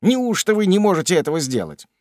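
A man voicing a brisk, blunt, loyal manservant who talks loudly and urgently. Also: high-pitched, sing-song, no echo, clean studio sound, voice pushed up. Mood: scolding.

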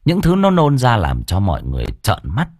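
A man narrating an audiobook story in a lively, expressive way. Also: medium pitch, brisk.

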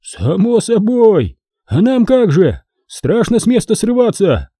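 A man's voice: sits high, wildly swooping pitch, slow pace, mellow, husky, dry recording, clean studio sound, pitched above the performer's own voice, exaggerated voice. A man voicing skeptical grumbling peasants. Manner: skeptical, querulous. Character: doubtful grumbling peasant men. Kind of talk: audiobook character voicing.

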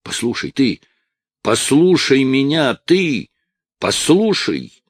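A man's voice: mid-range voice, very animated, slow, pitched above the performer's own voice. A man voicing a desperate teenage addict. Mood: agitated. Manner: shouting, pleading, sobbing. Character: desperate eighteen-year-old male addict, tearful and abusive.

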